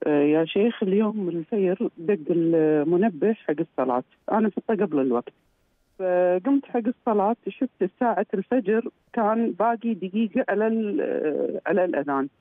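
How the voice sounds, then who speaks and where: A woman calling a radio show by phone, telling her account haltingly and restarting words. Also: medium pitch, expressive, no room sound. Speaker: caller. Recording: dry tinny phone line.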